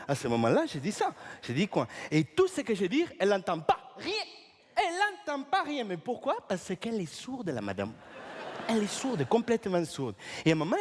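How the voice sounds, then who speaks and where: A comedian playing a rambling male storyteller who mangles his French, talking with lively, swooping pitch on stage. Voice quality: garbles grammar and words. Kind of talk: improvised stage comedy sketch.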